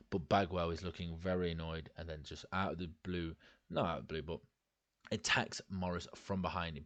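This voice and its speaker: A man with a very low, deep voice talks through a wrestling management game in a loose, rambling way, dropping swear words as he goes. His voice sits dry and close, with no room sound. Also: no room sound. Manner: rambling, casual, swears freely. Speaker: let's play host.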